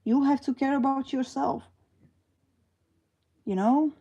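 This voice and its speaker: Woman streamer, 20s, from Slovakia; slow, hesitant, mellow, higher-pitched casual chat. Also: lo-fi sound. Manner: slow, hesitant, many fillers and restarts. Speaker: livestream host. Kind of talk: casual livestream chat reading comments.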